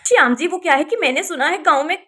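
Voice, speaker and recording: A woman's voice: high voice, fast, a bit bright. A woman voicing a young village wife in a doll story who is anxious and pleading. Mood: fearful. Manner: fearful, pleading.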